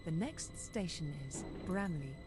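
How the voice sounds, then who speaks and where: A woman voicing a polite automated railway announcer, giving formal, measured passenger notices in a train game. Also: fairly low pitch, lively intonation, over music.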